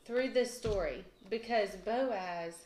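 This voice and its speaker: A woman, co-hosting a casual Bible discussion, chatty and quick to laugh at herself. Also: mid-range voice, darkish tone. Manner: chatty, laughs often, self-deprecating. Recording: echoey room with faint noise.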